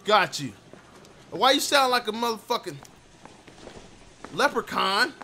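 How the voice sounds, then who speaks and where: High, animated American male gamer. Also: a little slow, slight background noise. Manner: profane, slangy, mock-combative. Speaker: gameplay commentator. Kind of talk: comedic gameplay commentary. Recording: game music behind.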